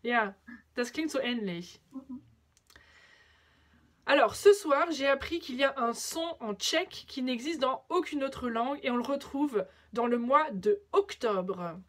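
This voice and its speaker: A woman from France, hosting a casual language chat, lively and quick to laugh. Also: high voice. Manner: lively, laughs often, switches between French and German. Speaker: host.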